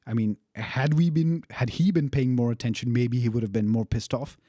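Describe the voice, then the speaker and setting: A man's voice: mid-range voice, steady tone, normal speed, mellow, no room sound, clean studio sound. A young man casually telling a personal story, candid and profane, laughing now and then. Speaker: storyteller recounting a travel experience.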